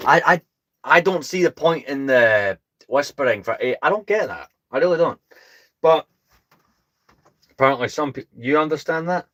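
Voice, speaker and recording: This British-accented man from the UK hosts a relaxed livestream in a soothing, calm tone, chatty, rambling, and quick to knock himself down. He has a slightly high voice, a moderate pace, and pauses often.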